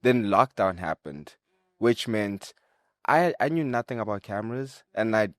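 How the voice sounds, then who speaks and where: A young man with a lowish voice talks through his story in a loose, easygoing way, peppering his lines with "like" and "right?". He comes from Zimbabwe and speaks as an interview guest. The sound is close and dry. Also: normal speed, no room sound. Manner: relaxed, conversational, uses "like" and "right?" often. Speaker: guest, content creator and videographer. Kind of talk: casual interview answers.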